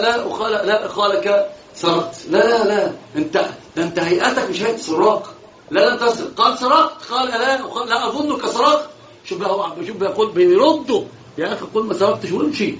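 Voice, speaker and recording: A man with an Egyptian accent gives a religious lesson, mixing colloquial and classical Arabic, animated and repeating phrases for emphasis. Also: high-pitched, echoey room, muffled recording, slight background noise. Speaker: Islamic preacher.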